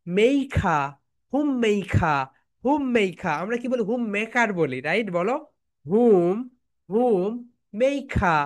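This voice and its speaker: Teacher, woman; slow, repetitive drilling, mixing Bengali and English. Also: a little high. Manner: drills phrases slowly, repeating, with students chanting along. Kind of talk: online classroom lesson.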